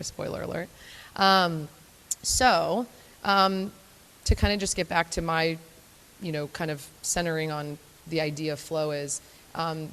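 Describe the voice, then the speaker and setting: A woman's voice: low voice, fairly bright tone, a little hiss or hum. A young woman from Florida giving a chatty, self-deprecating live talk to an audience, with frequent filler ums. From Florida, United States. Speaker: guest speaker at a morning talk event. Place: event hall before a live audience. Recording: long hall reverb.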